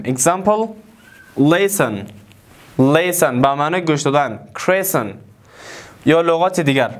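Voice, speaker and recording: A man giving an English lesson. He says his example words slowly and deliberately, and repeats each one. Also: fairly high pitch, fairly bright tone. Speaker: English teacher. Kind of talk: language lesson.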